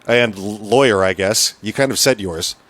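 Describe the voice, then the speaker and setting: A man's voice: on the low side, normal speed, a bit bright. A man hosting a podcast, asking questions in a friendly, easygoing way. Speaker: podcast host. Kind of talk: casual interview chat.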